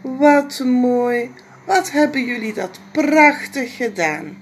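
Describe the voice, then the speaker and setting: A woman's voice: sing-song, slow, a little mellow, slight background noise, exaggerated voice. A woman doing an exclaiming storybook mother. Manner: high, exclaiming. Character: caring mother, warm and surprised. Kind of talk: storybook read-aloud.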